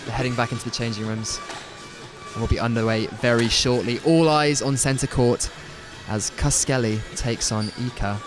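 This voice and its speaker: A young English man giving upbeat live commentary on a student squash match. He calls the points and adds quick remarks on the play. Music plays loudly behind his voice. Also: mid-range voice, fairly even intonation. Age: young adult.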